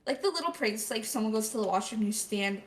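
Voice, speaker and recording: A woman's voice: on the high side, animated, fast, far from the mic. A woman co-hosting a casual podcast, blunt and swearing casually. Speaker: podcast co-host. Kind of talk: casual chat.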